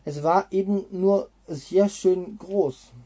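A man reading aloud as a jovial oil company director in a storybook. The voice is very dark and mellow. The reading is slow and halting, with slips he corrects. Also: sits high.

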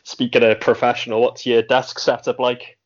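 A man's voice: medium pitch, flat delivery, moderate pace. A man with a Welsh accent co-hosting a casual podcast, easygoing and dry-humoured, speaking from his bedroom. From Wales. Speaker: podcast co-host. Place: bedroom at home. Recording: dull lo-fi home recording.

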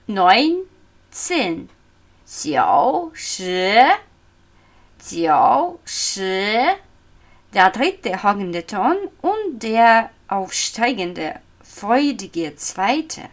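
A woman teaching a language lesson, modelling tones in a slow, sing-song way. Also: medium pitch.

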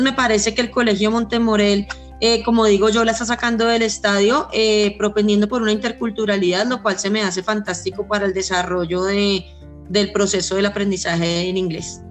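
A woman from Colombia with a Colombian accent, an English teacher explaining her view fluently and earnestly with examples. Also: a little high. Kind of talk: explanatory panel answer.

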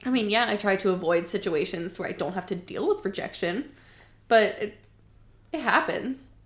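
A woman's voice: medium pitch, moderate pace. A woman in her twenties co-hosting a casual chat, talking in a chatty way with lots of filler words and frequent laughs. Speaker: podcast co-host. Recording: echoey room.

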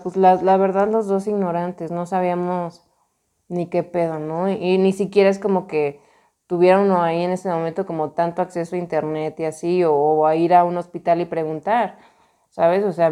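A woman's voice: on the low side, fairly even intonation, normal speed, dark tone. A young woman with a Mexican accent telling a personal story in a casual, slangy, emphatic way, often repeating herself. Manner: slangy, emphatic, many repetitions.

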